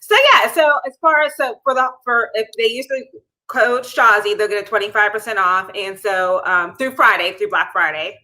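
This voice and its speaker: A woman's voice: medium pitch, moderate pace, bright, forceful tone, low-quality recording. A woman from Pittsburgh hosting a casual live interview show, bubbly and rambling, laughing often. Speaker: livestream show host.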